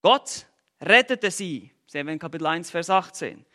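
A man preaching an expository sermon, emphatic and full of rhetorical questions and sarcastic asides, swinging between loud bursts and quiet lines. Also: fairly high pitch, lively intonation, moderate pace.

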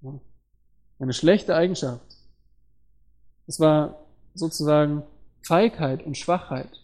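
Guy preaching a sermon, kinda high voice but mellow, earnest, explains bible words. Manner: explains word meanings and scripture plainly, with rhetorical questions.

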